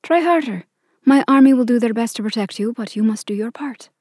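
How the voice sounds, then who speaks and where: A woman's voice: fairly high pitch, fairly quick, darkish tone, no echo, voice pushed up, natural voice. A stoic fairy queen issues firm, clipped orders in a storybook reading, as a woman puts her on. Her voice is raised and sounds dry and close. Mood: commanding.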